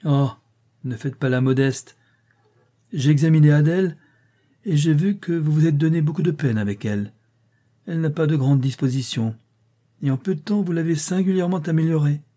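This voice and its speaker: A man reading the part of a curt, impatient middle-aged gentleman in an audiobook. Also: a little high, moderate pace, pauses often, voice pushed up, natural voice. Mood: gruff, curt. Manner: curt and gruff.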